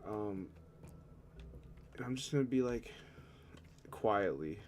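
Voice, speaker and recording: A man with a slightly low voice talks through a tabletop game in a stoned, meandering way. His speech is casual and sweary, like an easygoing stoner, and recorded with a little noise behind it. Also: expressive, slow pace, a little mellow. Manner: stoner-like, rambling, profane. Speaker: tabletop roleplaying player.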